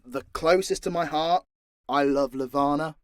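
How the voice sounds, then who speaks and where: Fielding fan questions off the cuff, the voice actor and audio creator speaks casually and candidly, with plenty of swearing. The studio-quality, dry recording captures a voice on the high side talking at normal speed in this unscripted Q&A.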